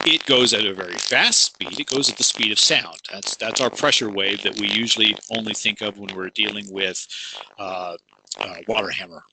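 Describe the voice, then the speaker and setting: A man giving a technical presentation over a computer call, his audio fuzzy and distorted, talking haltingly and repeating words as he goes. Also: lowish voice, vocal fry, pushed and bright. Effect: fuzzy distorted audio connection. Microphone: computer connection.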